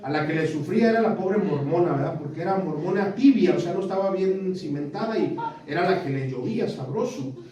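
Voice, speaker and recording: A male pastor with a northern Mexican accent, telling a story in a sermon, going from hushed to shouting. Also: high-pitched, expressive, fairly quick, crowd noise. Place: large echoey church hall. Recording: echoey church hall, far from mic.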